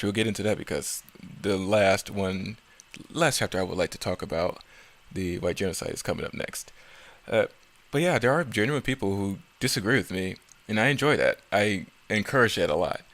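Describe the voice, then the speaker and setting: Somewhat low and a bit bright, a man's voice delivers casual video-creator commentary without a script. The talk rambles, with frequent self-corrections and stumbles over words.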